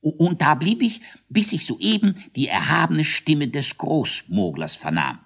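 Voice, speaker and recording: A man's voice: on the high side, very animated, a little slow, gravelly, fairly bright tone, pitched above the performer's own voice, exaggerated voice. A man voicing a timid little Mogler creature who stammers and frets. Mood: anxious. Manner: stammering, fussy.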